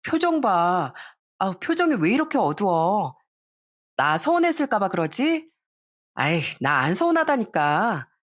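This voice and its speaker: A woman voicing a young bride-to-be who talks sweetly and then turns indignant and high-pitched in a storybook narration. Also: very animated, measured pace. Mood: sugary. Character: sweet-talking bride-to-be, turns shrill and defensive.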